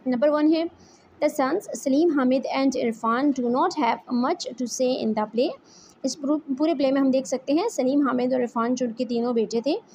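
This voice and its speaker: Woman teacher, high and mellow voice, slow read-aloud then explanation, faint background hiss. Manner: reads English slowly, then explains in Hindi-Urdu. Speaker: English teacher. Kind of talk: explaining a textbook exercise.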